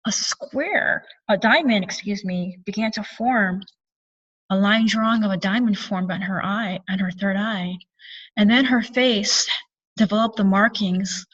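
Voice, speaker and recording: A woman's voice: mid-range voice, fairly bright tone. A woman recounting a spiritual experience in an earnest, meandering way, often correcting herself. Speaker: spiritual channeler and speaker. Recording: distant, dull lo-fi sound.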